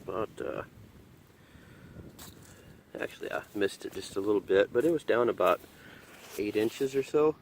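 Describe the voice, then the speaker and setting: Upbeat guy narrating his metal detecting finds outdoors, kinda low voice, thinks out loud. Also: lively intonation, unhurried, pauses often, slight background noise. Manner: upbeat, chatty, thinking aloud. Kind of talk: casual outdoor narration while digging. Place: outdoors in a muddy field.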